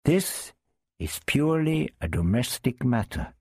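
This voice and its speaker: A man playing a shrewd, measured sultan. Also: mid-range voice, sing-song, a little mellow, no room sound, clean studio sound, voice pushed up. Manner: measured, deliberate, authoritative.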